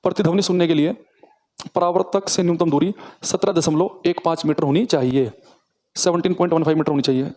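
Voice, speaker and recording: A male teacher, speaking in a fairly high voice at a brisk clip. He repeats key phrases for students to copy down and talks to the class directly. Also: fairly even intonation, a little mellow. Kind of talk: physics lesson with dictation.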